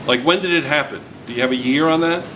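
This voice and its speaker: This man teaches physics with a playful, talkative manner, throwing students' answers back to them. He speaks fast in a voice on the high side, captured in a noisy classroom.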